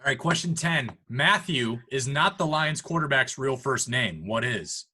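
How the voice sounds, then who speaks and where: A man's voice: medium pitch, expressive, a little slow, sharp tone, breathy edge. A young man hosting a casual podcast, running a trivia game, teasing his co-hosts and laughing often. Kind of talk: casual chat.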